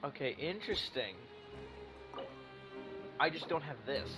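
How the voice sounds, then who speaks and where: A video game streamer with a fairly high, expressive voice gives unhurried, casual commentary, thinking aloud, muttering to himself, and swearing now and then. Game music plays behind his voice.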